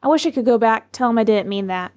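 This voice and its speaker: A woman's voice: fairly high pitch, animated, quick pace, a little mellow, muffled recording. A young woman commenting on a story game in a chatty, self-mocking way. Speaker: gaming YouTuber.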